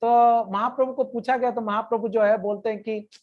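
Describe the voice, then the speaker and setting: A woman retelling a scripture story in a devotional lecture, in a plain conversational way, with slow recited verses now and then. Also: fairly high pitch, fairly even intonation, narrow, tinny audio.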